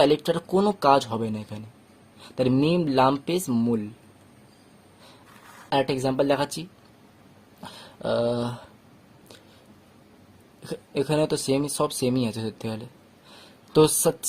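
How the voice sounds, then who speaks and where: A man teaching Quran reading rules step by step, asking and answering his own questions and slowly sounding out letters. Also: fairly high pitch. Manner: repeats phrases and checks understanding often. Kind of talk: step-by-step tajweed lesson.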